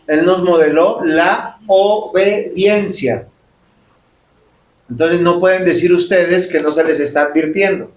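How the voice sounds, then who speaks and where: A man's voice: high voice, fairly even intonation, slow pace, slight background noise. A man preaching a sermon as pastor, emphatic and full of rhetorical questions. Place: church sanctuary. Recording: roomy church echo.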